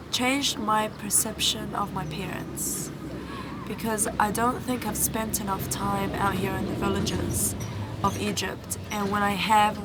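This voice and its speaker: A young volunteer from New Zealand answers interview questions in an Egyptian village, possibly indoors or outdoors, sounding earnest and halting with frequent ums and restarts. Her medium-height voice stays fairly level in pitch. Clear background noise runs through the whole recording.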